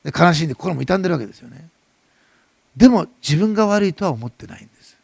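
A middle-aged male pastor with a Nagasaki dialect, preaching a sermon that swells loud and then drops soft. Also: fairly high pitch, big pitch swings, fast, creaky, husky, no room sound, clean studio sound.

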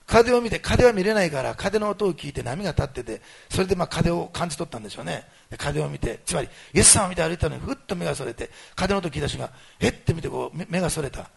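A man preaching a sermon to his congregation, telling the story in a lively way that swings between loud exclamations and quiet asides. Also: fairly high pitch, fast talker, creaky, hardly any pauses, husky. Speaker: pastor.

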